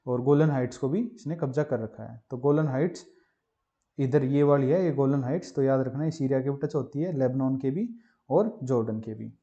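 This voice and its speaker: A man's voice: medium pitch, normal speed, mellow. Man quizzing himself through a map lesson. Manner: repeats quiz questions and answers them himself. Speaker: teacher. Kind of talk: exam-prep map lesson with memory stories. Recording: muffled lo-fi voice-over.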